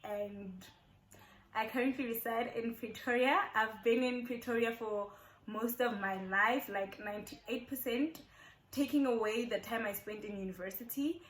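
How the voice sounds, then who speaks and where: A young South African woman in her twenties, chatting casually to her channel and repeating points for emphasis. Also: on the high side. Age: 20s. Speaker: YouTuber. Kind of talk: casual get-to-know-me chat. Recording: echoey room.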